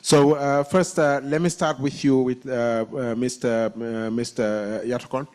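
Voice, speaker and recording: A man's voice: medium pitch, steady tone, unhurried, a little mellow, smooth. A man moderating a panel informally, very hesitant, with many uhs and ums and repeated words.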